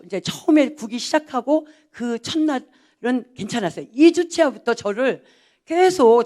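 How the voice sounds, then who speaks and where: A pastor's wife giving a personal testimony, telling her story in a lively way and acting out the dialogue. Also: mid-range voice. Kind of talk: personal testimony to a church audience.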